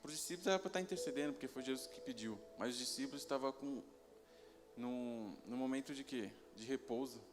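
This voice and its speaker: A man sharing a calm, reflective sermon, pausing and restarting as he thinks. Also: medium pitch, big-room sound. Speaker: lay preacher.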